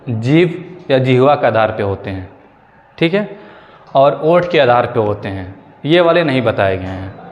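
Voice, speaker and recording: A man's voice: mid-range voice, dull audio. Man teaching in a reverberant room. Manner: explains slowly, repeats key points and asks "ठीक है". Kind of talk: exam-prep grammar lesson.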